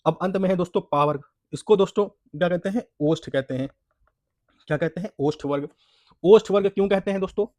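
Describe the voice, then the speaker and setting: A man teaching an exam-prep language lesson, sounding out syllables slowly and asking and answering his own questions. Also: high voice, darkish tone, no echo. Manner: repeats points, asks and answers own questions, says "friends" often; spells out syllables slowly for practice.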